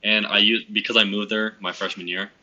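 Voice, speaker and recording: A teenage man co-hosting a casual podcast chat, telling stories in a rapid, animated way. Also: fairly low pitch, highs cut off. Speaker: podcast co-host.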